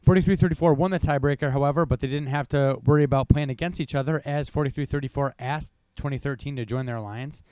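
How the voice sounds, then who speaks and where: A man's voice: medium pitch, fairly even intonation, fast talker, hardly any pauses, darkish tone, clear, resonant tone, dry recording. A young man co-hosting a podcast, reading competition results from notes with casual asides and the odd cough. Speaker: co-host. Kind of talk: podcast rankings recap.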